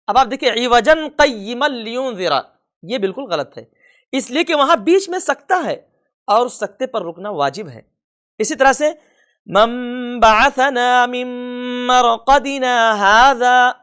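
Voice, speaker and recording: A man teaching a recorded tajweed lesson, patiently repeating each rule and reciting the examples slowly and drawn out. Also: very high-pitched, a bit bright. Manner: slow, drawn-out recitation of examples between plain explanation. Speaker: Quran reading teacher.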